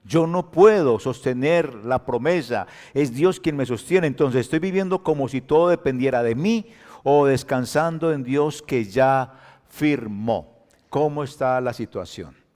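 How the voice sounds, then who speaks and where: A man delivers a Sunday school sermon in a church hall with a long echo. His pitch sits mid-range for a man, and he drops into quiet, earnest lines, then rises to loud, emphatic ones, with wry asides to the congregation. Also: expressive, unhurried. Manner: preaching with joking asides to the congregation. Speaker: pastor.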